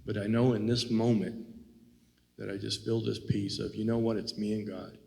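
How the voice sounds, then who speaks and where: A man's voice: lowish voice, level tone, moderate pace, gravelly, darkish tone, big-room sound. A man co-hosting a casual faith talk, reflective and rambling, with many "you know"s. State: has the hiccups. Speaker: co-host.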